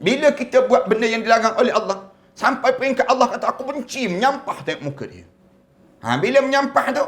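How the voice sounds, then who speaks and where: Malaysian Malay male preacher, high voice, animated storytelling sermon. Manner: lively storytelling with laughs.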